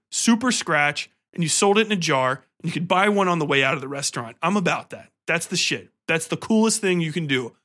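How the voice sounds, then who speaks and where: Ranting for laughs on his podcast, an American man keeps it slangy and conversational, swearing freely and sounding exasperated. His voice sits high and comes across bright and forceful.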